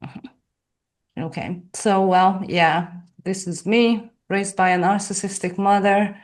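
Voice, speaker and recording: Slow-talking Hungarian woman guest. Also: medium pitch, fairly even intonation. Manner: slow, thoughtful, with soft laughs. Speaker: podcast guest. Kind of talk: casual interview talk.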